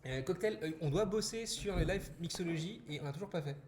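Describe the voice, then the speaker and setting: A man's voice: fairly high pitch, a little fast. A man hosting a casual live stream, chatting with viewers and reading their messages aloud, with many restarts and "voilà" fillers. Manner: chatty and warm toward chat, frequent restarts and "voilà". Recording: roomy echo with loud background noise.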